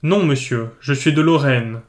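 A man's voice: mid-range voice, a little slow, lightly acted. An old, devout housemaid with a hard, curt way of answering, voiced by a man reading the story. Her replies come out dry and clipped, in a mid-range voice with no exaggeration. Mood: polite. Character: old pious curt woman servant.

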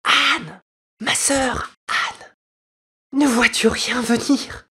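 A terrified young wife begs and calls out in a high, strained voice. She drags her words slowly in desperation. A storybook heroine in peril. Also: steady tone, bright, forceful tone, full character voice. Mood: desperate calling. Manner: high falsetto, pleading and crying out. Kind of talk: storybook reading.

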